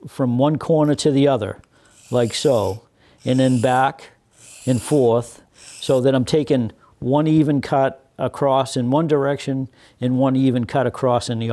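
A man in his sixties teaching woodworking in a workshop, explaining each step deliberately with many fillers and restarts. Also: mid-range voice, mellow. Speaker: woodworking instructor. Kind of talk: hands-on demonstration.

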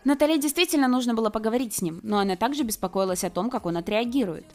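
Woman narrating an animated story, brisk, fast, lively pitch, faint background music.

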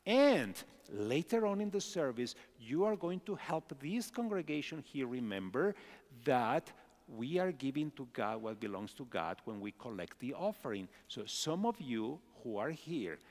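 Man, middle-aged pastor, children's message, animated pitch, reverberant sanctuary. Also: unhurried. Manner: asks children many simple questions. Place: large church sanctuary. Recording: long hall reverb.

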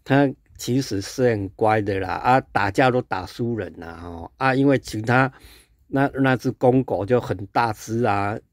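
A man's voice: medium pitch, measured pace, no room sound, clean studio sound. Sarcastic Taiwanese man ranting dryly. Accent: Taiwanese Mandarin. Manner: sarcastic, heated, repetitive fillers. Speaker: political commentator. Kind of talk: casual political rant vlog.

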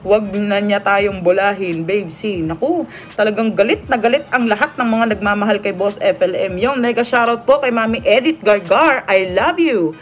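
A woman hosts a casual livestream, reading viewer comments aloud and laughing often. Her voice is mid-range at a normal speed, picked up by a phone or webcam with slight background noise.

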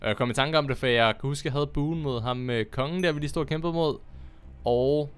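A young man chatting casually as he plays a game on his channel, excitable and quick to laugh. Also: mid-range voice, clear, resonant tone. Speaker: gaming YouTuber. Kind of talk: casual Minecraft commentary.

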